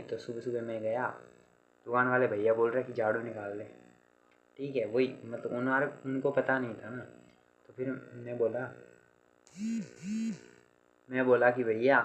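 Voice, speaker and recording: A man's voice: medium pitch, lo-fi sound, slight background noise. A young man telling a story in a casual vlog, chatty, calling listeners "bhai" and acting out what others said. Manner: chatty, repeats "bhai" and "theek hai", quotes others in dialogue. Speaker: vlogger.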